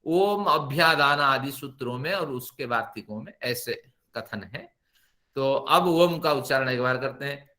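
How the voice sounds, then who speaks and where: A man's voice: medium pitch, expressive, a little slow, sharp tone. A middle-aged man teaching Sanskrit pronunciation for Vedic chanting, explaining step by step and demonstrating long vowels. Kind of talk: spoken Sanskrit pronunciation lesson.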